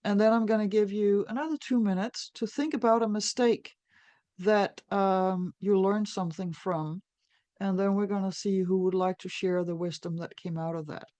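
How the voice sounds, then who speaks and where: A woman from Denmark leading an online group meeting, telling a personal story in a relaxed, reflective way. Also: mid-range voice, moderate pace, no echo. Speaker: meeting facilitator.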